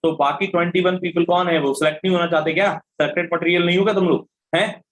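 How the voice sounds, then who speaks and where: A man's voice: high voice, steady tone, fast, fairly bright tone, low-quality recording. A man teaching an online reasoning class, spelling out letters one by one and scolding students who make mistakes. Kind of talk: online class teaching, mixing Hindi and English.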